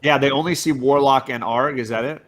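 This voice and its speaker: Quick-talking man at a tabletop game. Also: medium pitch, over a noisy crowd. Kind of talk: casual game chat.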